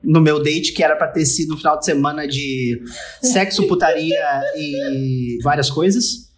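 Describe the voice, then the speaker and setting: A young man with a Brazilian Portuguese accent, co-hosting a podcast and telling a story in a lively, laughing way with quick asides. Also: a little high. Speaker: podcast co-host. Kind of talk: casual storytelling chat.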